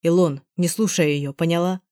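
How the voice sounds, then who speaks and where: A woman voicing a young man who talks quietly and urgently to a friend in an audiobook. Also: fairly low pitch, fairly even intonation, normal speed, no room sound, clean studio sound, lightly acted.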